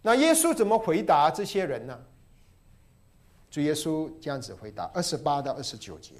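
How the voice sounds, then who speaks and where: Lively preaching man, rising and falling. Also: normal speed. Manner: expository Bible teaching with repeated phrases; swings between emphatic rises and soft low drops. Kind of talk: sermon.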